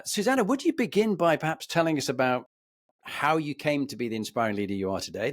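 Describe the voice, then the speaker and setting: A man's voice: medium pitch, dry recording. Formal male podcast host, dry sound. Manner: formal, measured, leading questions. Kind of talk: podcast interview.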